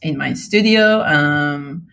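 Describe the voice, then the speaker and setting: A guest artist from Israel answers interview questions thoughtfully and hesitantly, with many pauses and ums. Her voice is deep, gravelly, and a bit bright.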